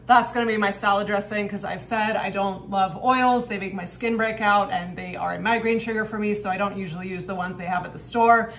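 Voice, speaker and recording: A woman talks casually to camera in a lifestyle vlog, upbeat and chatty and dropping "like" here and there. Her voice sits in an ordinary middle pitch. A faint hum of outdoor ambience lies under her talk. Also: fairly even intonation, a little fast, few pauses, a bit bright, low-quality recording. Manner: chatty, upbeat, frequent "like" fillers. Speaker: lifestyle vlogger. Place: home kitchen and outdoor porch.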